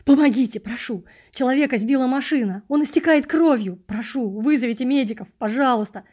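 A desperate young man cries out in loud, frantic pleas, as a woman reads him in an audiobook. The voice pushes high and strained, with a mellow, soft tone underneath. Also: a little fast. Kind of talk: audiobook reading.

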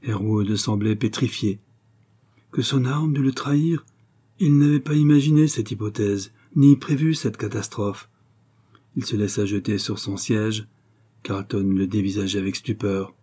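Low, husky male audiobook narrator. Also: measured pace, warm tone. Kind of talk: scripted literary narration.

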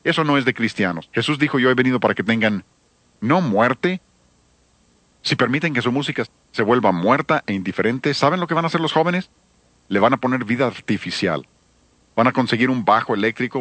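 A man's voice: mid-range voice, a bit bright, dry recording. Emphatic male preacher, dry sound. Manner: emphatic, addresses listeners directly with rhetorical questions. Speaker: seminar speaker on church music. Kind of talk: sermon-style seminar talk.

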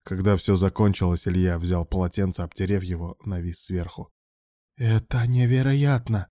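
A man narrating a story as an audiobook in a steady, even reading voice. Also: low voice, fairly quick, dry recording, studio quality.

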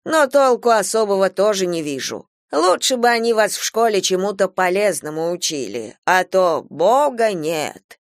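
A woman's voice: mid-range voice, very animated, moderate pace, hardly any pauses, no room sound, clean studio sound. Woman doing a stern scolding grandmother. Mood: grumbling. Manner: scolding, insistent. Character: stern superstitious Georgian grandmother, old woman.

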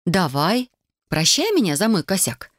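A woman's voice: lowish voice, big pitch swings, unhurried, no echo, voice pushed up. A sarcastic young wife hurls accusations in a lifted, pointed voice, as a male narrator puts her on. The audiobook recording is dry and close, with no room sound behind it. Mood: sarcastic, accusing. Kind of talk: audiobook character voice.

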